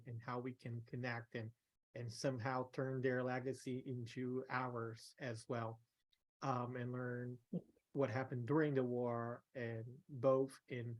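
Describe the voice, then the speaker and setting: A man hosting an online question session, speaking at a middle pitch. He is gracious but halting, filling gaps with pauses as he thanks the speaker and calls on people over the video call. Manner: gracious, hesitant with many pauses. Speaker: moderator.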